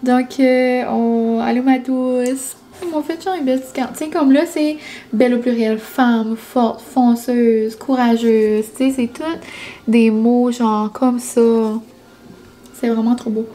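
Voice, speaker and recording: Chatty young Québécoise vlogger. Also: female voice, a little high, fairly even intonation, measured pace, dark tone. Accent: Québécois French. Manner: chatty, lots of fillers like genre and comme. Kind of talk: casual vlog chat.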